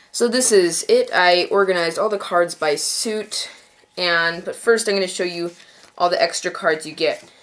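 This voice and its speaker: With a fairly bright, medium-pitched voice made stuffy by a mild head cold, a young adult talks through a card deck review. The unscripted, casual commentary meanders and self-corrects, recorded indoors at a card table.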